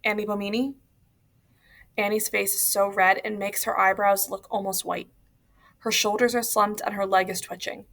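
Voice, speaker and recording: A woman narrating an audiobook in an even, steady storytelling manner. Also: medium pitch, normal speed, vocal fry. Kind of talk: audiobook reading.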